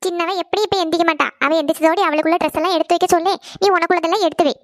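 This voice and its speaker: A fussing, scolding cartoon mother, as a woman puts her on. She scolds quickly in a clear, high voice. The recording is dry and close. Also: fairly even intonation, no room sound. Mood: coaxing. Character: scolding worried middle-aged village mother. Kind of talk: cartoon voice acting.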